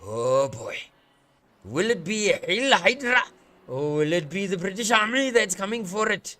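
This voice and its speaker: Man, high voice, wildly lively pitch, unhurried delivery, excitable race caller, playful and cheeky. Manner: excitable, playful, swears and jokes. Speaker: sim racing commentator, streamer. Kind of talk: live race commentary.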